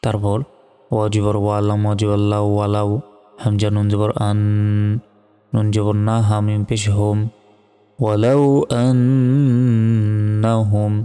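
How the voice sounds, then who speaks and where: A man teaching Quran reading, slowly spelling out Arabic letter by letter and reciting the verses in a drawn-out, melodic way. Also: fairly low pitch, completely flat delivery, dark tone, clear, resonant tone, big-room sound, faint music behind.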